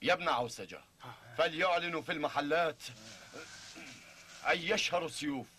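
An actor dubbing a resolute rebel leader in a historical drama, giving firm orders. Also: male voice, fairly high pitch, brisk, bright, forceful tone, a little hiss or hum. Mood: commanding.

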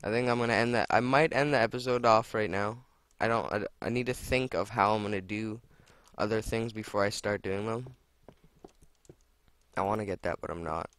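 A man's voice: lowish voice, fairly even intonation, normal speed, a bit bright, clear, resonant tone, no echo. Chatty young man narrating gameplay. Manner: chatty, swearing, exclaiming at finds and mishaps. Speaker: let's play gamer. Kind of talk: casual gameplay commentary.

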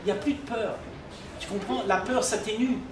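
An older man with a high-sitting voice gives a calm spiritual dialogue with an audience at a public talk, speaking at normal speed and often asking "tu comprends?". He's in a library reading area indoors. A far room mic captures him, so the audio is echoey, distant, and noisy.

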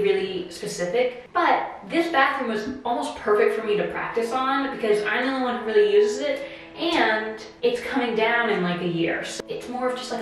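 A young adult woman vlogging casually to camera, chatty and expressive, her voice echoing around a small, empty tiled bathroom. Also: medium pitch. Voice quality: echoing, reverberant sound. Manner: chatty, expressive, filler-heavy with "like". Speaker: home renovation vlogger. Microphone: camera a few feet away. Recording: very echoey empty room, distant mic.

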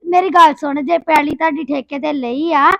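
A sarcastic, argumentative village woman with a Punjabi accent, speaking in a very high voice with a gravelly edge, played by a woman. The sound is dull and dry. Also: fairly even intonation, normal speed, no room sound. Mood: arguing. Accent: Punjabi, Doabi. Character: sharp-tongued village woman in a land dispute.

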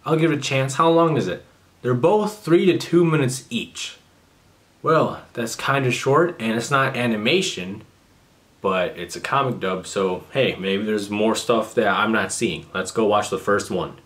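In a small bedroom, a young adult man records a casual commentary video, speaking unhurriedly in a lowish, slightly bright voice. As a commentary YouTuber, he is sarcastic and swears a lot while mocking what he reviews.

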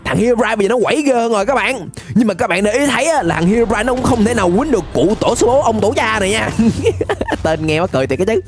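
A woman giving excited, playful Minecraft gameplay commentary, laughing often and rapidly repeating words. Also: fairly high pitch, music in the background. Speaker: gaming channel host.

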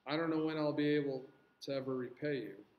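A man's voice: a little high, a little fast, lo-fi sound, close to an everyday voice. Guy reading as humble poor farmer, earnest, echoey room.

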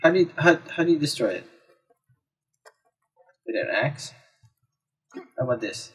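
An animated man with a medium pitch and a fairly bright, slightly rough tone speaks unhurriedly, though the audio is poor. As a let's play gamer, he gives casual commentary over video game music, reacting and exclaiming to himself.

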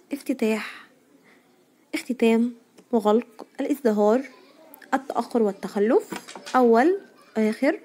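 Teaching grammar to primary pupils in Egyptian Arabic, a woman with a high, darkish voice leans on each new word. She questions the class and supplies the answers herself.

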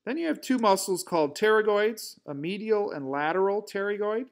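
A man's voice: high voice, expressive, normal speed. A man giving a recorded anatomy lecture, explaining step by step over drawings with some fillers and restarts. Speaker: instructor. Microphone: voice-over narration over drawings.

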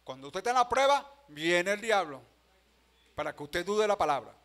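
Impassioned Venezuelan preacher, bright high voice. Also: male voice, big pitch swings, moderate pace. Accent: Venezuelan Spanish. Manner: swings from quiet storytelling to loud shouted exhortation. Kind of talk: sermon. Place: church sanctuary.

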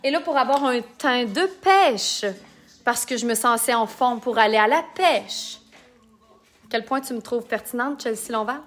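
A woman from Quebec with a Québécois French accent speaks at normal speed in a fairly high voice. She chats and jokes through a casual live makeup tutorial, reading out viewer comments as she demonstrates.

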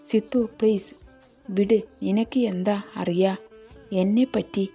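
A woman's voice: medium pitch, fairly even intonation, unhurried, dark tone, breathy edge, soft background music. A woman voicing a frightened young woman who pleads to be let go in a storybook reading. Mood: pleading. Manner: pleading, tearful.

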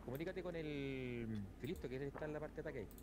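A man's voice: on the high side, fast talker. A man with a Chilean accent talking as team medic in casual online game chat. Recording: clear noise under game voice chat.

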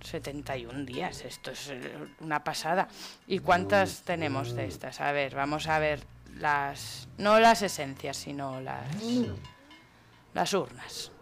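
A woman's voice: low voice, measured pace, vocal fry, over music. A woman from Spain giving casual, chatty let's-play commentary, exclaiming and talking to the characters in her game. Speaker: gaming YouTuber.

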